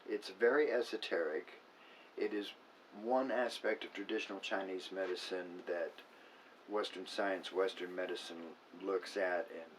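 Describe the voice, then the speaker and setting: Man, very low voice, casual explainer, fillers and restarts, a bit off-mic, faint background hum. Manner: unscripted, self-correcting, with filler words. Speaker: acupuncturist. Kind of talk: casual educational talk. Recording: voice a bit far from the mic, faint room noise.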